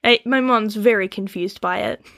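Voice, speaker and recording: A woman co-hosting a casual comedic chat, playful and quick to laugh. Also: medium pitch, gravelly, fairly bright tone. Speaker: co-host.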